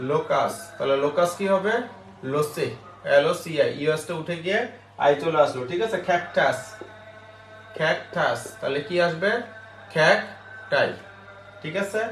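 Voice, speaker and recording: A man teaching an online English grammar class, spelling words out slowly and checking with the class after each step. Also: on the high side, a bit bright, faint music behind. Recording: roomy echo.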